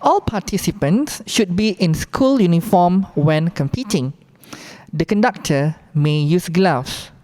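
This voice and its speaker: A woman's voice: lowish voice, animated, unhurried, darkish tone. A woman with a Malaysian accent gives an explanatory briefing on rules, going through them point by point in an instructive manner. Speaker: competition briefing presenter.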